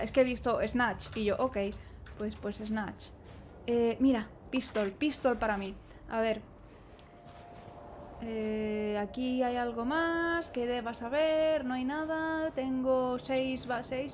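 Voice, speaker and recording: Woman, high voice, young adult, nervous let's play commentary, exclaiming. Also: unhurried, a little hiss or hum. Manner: nervous, exclaiming, talking to the game characters. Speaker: gaming streamer.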